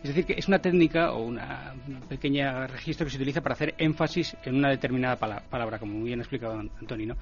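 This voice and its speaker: A man speaking as a guest commentator in a radio discussion, measured and explanatory. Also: mid-range voice, muffled recording, faint music behind.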